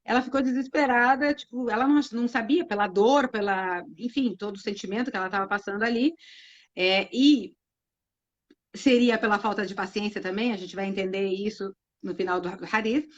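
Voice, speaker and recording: Co-hosting a live Islamic talk, a woman with a medium-pitched voice speaks a little fast yet reflectively, with frequent fillers and restarts. She retells a hadith, acting out the quotes, and the live-stream audio is muffled.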